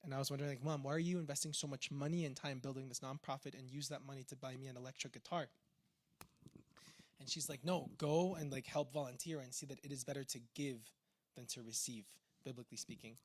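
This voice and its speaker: A man's voice: medium pitch, steady tone, fast talker, no room sound. Peruvian-accented young man, dry sound. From Peru. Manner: chatty, informal, full of fillers. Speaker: guest speaker, tech entrepreneur. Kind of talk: conversational talk on faith.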